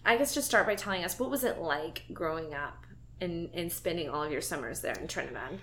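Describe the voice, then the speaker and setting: A woman's voice: on the low side, expressive, brisk, fairly bright tone, a little hiss or hum. A woman hosting a podcast conversation, speaking earnestly and reflectively with a friend. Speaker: podcast host. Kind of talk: casual heartfelt conversation.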